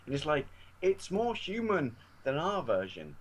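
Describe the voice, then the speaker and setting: A man's voice: fairly high pitch, wildly swooping pitch, unhurried, slightly rough, poor audio. A man with a British accent in casual film chat, swearing freely and gushing with enthusiasm. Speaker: co-host.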